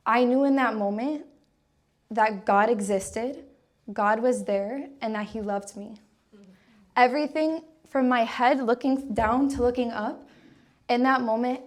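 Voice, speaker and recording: A young woman with a fairly high voice shares her personal testimony as a religious sister. She tells it in a lively way, laughing often and filling her sentences with casual "like"s. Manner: lively storytelling with frequent laughter and "like" fillers.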